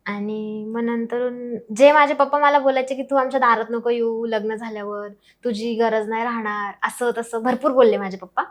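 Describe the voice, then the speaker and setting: A woman's voice: a little high, fairly even intonation. A young woman tells her life story as an interview guest, acting out the voices of her family. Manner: fast, emotional, acts out quoted family members. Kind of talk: emotional personal storytelling.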